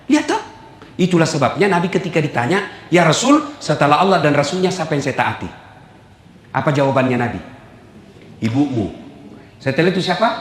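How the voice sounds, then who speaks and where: A man preaching a humorous sermon to a live audience, telling jokes and acting out quoted husbands and wives. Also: sits high. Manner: lively joking storyteller, acts out quoted husbands and wives. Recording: echoey hall recording with faint noise.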